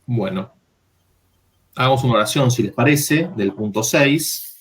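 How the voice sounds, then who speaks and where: A man's voice: medium pitch, lively intonation, a little slow. A man teaching a university Latin workshop, explaining verb forms step by step and checking in with the students.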